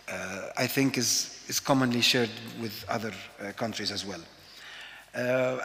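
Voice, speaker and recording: A man from Egypt giving a conference talk, pausing often with "uh" fillers as he speaks. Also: mid-range voice, bright, forceful tone. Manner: hesitant, many "uh" fillers. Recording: hall with long reverb.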